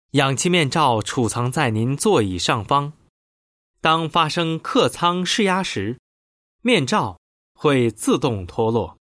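A man delivers in-flight cabin announcements at an unhurried, deliberate pace, his pitch rising and falling a lot. The recording is close and dry, with almost no room sound around the voice. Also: fairly bright tone, no room sound. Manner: slow, measured announcement delivery.

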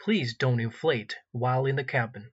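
A man reading recorded airline cabin announcements in a formal, measured way, pausing where details would be filled in. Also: medium pitch, husky, lo-fi sound. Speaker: in-flight announcer.

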